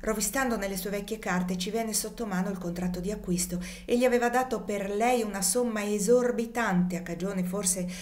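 A woman reading the part of a courteous, kindly young gentleman in an audiobook, with a polite, warm-hearted delivery. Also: mid-range voice, moderate pace, hardly any pauses, close to an everyday voice. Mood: explaining.

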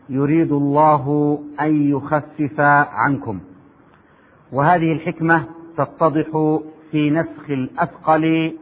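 A man giving a formal religious lecture on Quranic sciences, speaking in measured classical Arabic and reciting verses. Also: fairly high pitch. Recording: phone-like narrow sound with long hall reverb.

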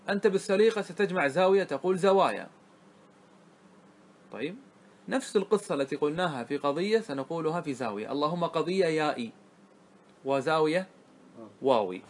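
A man teaching a classroom grammar lesson, often asking his students questions to check they follow, and drawing out words slowly to spell out their forms. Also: on the high side, lively intonation. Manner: checks understanding with frequent questions.

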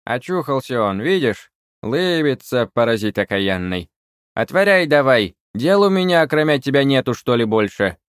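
A man voicing a grumbling old female forest witch, scolding in a shrill voice. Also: sing-song, moderate pace, no room sound, studio quality.

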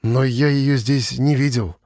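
A man's voice: a little high, lively intonation, moderate pace, no room sound. A man voicing a dazed schoolboy hero, close to his own voice. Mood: bewildered.

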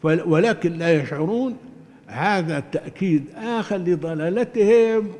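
An older man with a fairly high voice gives a religious lesson, stressing his points deliberately and often restarting a phrase. His voice rings with a long reverb, as if in a large hall. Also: expressive, a little mellow. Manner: deliberate, emphatic, with many restarts. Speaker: Quran commentary teacher. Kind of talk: religious lecture.

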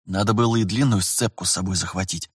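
A man's voice: lowish voice, unhurried, a bit bright, slightly rough, no room sound, studio quality, full character voice. A man voicing a glum, sheepish young male trainee pilot who mutters his replies.

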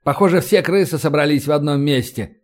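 A hard-edged squad leader, as a man acts him out barks orders loudly and forcefully. His voice rides high. He sounds commanding. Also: brisk, close to an everyday voice. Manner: barking, forceful.

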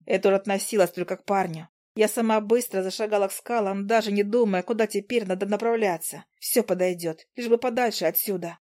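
A woman reads a first-person fantasy audiobook, her voice sitting at an ordinary middle pitch. She tells the story in a lively, expressive way. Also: fairly quick, few pauses. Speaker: audiobook reader.

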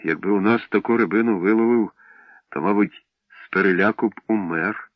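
Wide-eyed excited boy, low-ish voice, dry dull sound, guy reading. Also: a little fast, dry recording, close to an everyday voice. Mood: amazed. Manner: amazed, eager. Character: curious, excitable schoolboy.

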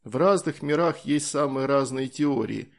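A man voicing a calm, easygoing soldier in an audiobook, explaining things in a matter-of-fact way. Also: mid-range voice, a little slow, close to an everyday voice.

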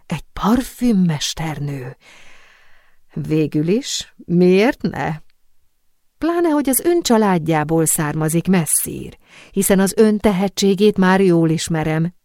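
A woman reading the part of a lively, balding middle-aged male porcelain master in an audiobook, talking in an effusive, apologetic way. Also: on the low side, no room sound, clean studio sound, close to an everyday voice. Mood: eager.

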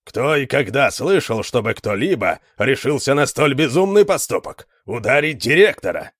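A man's voice: medium pitch, animated, moderate pace, a bit bright, no room sound, studio quality, voice pushed up. A man voicing a stern, scornful older male guard in a read-aloud story, scolding and indignant.

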